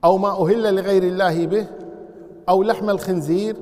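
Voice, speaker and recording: A man explaining scripture in a lesson, repeating key phrases slowly to drive them home. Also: high voice, fairly even intonation, a little mellow, long reverb tail. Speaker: Islamic scholar. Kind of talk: Quran commentary lesson.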